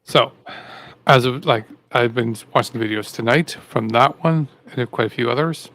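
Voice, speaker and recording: A man's voice: mid-range voice, moderate pace, a bit bright. A man co-hosting a live political talk show, rambling and repeating himself as he gets fired up. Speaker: co-host. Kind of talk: casual political commentary.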